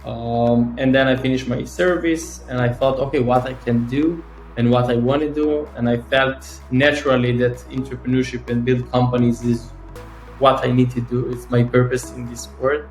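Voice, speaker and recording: A man in his thirties from Israel speaks as a startup founder in a relaxed interview. He talks eagerly, with many fillers and restarts. His voice carries the echo of a roomy call recording, with faint music behind it. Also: medium pitch, normal speed. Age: 30s. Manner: fillers and restarts, eager, slightly non-native phrasing. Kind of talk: casual interview chat. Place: home or office in Tel Aviv.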